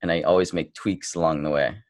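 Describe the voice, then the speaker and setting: Tipsy from drinking beer, a man in his thirties hosts a laid-back podcast chat packed with fillers like "you know." He has a bass voice with a steady tone and talks briskly. The audio is studio quality, with no room sound.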